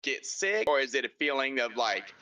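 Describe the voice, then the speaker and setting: A man playing a tabletop game over voice chat, talking in halting, rambling bursts full of fillers as he describes what his character does. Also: mid-range voice, lively intonation, bright, forceful tone, poor audio. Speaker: player.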